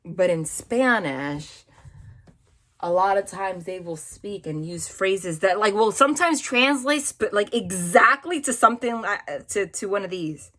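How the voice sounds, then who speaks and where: A woman from the New York / New Jersey area gives a casual tarot reading at an indoor table, hands over the cards, talking in a New York accent and wandering through many restarts and asides. Her mid-range voice is sharp-toned, with lively intonation and a measured pace.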